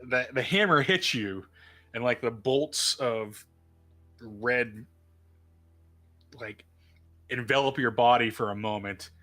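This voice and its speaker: A man narrating and running a tabletop game as game master, relaxed and halting, often laughing. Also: mid-range voice.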